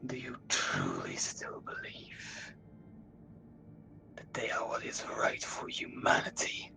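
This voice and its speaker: A man voicing a soldier's inner conscience in a tabletop game, cold, pious, accusing and goading, often hushed and breathy. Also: on the low side, huge pitch swings, slow, whispered, exaggerated voice. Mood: insinuating, accusing. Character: accusing inner conscience of a zealous soldier, his mirror reflection.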